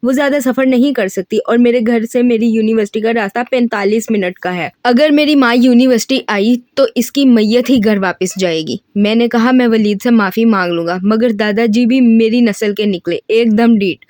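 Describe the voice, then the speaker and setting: A woman's voice: on the high side, darkish tone, dry recording, studio quality, close to an everyday voice. A woman voicing a mischievous 25-year-old male university student in an audiobook reading of a novel, boastful and joking. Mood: scheming. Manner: boastful, joking, rapid storytelling.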